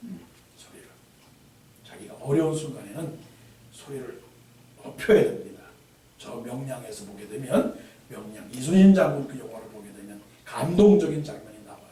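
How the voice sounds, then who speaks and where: A male pastor preaching a sermon with lively delivery, breaking into shouted cries and then dropping to hushed asides. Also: mid-range voice, normal speed. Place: church sanctuary. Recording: echoey hall from far off, faint noise.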